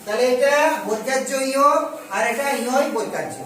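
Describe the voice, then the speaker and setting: A man teaches a children's lesson in a slow, patient way, repeating each word and asking simple questions. His voice comes from some distance, and it rings through a very echoey room with faint noise behind it. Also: extremely high pitch, bright, forceful tone. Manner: patient, repeats words slowly and asks questions. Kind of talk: children's Bengali spelling lesson.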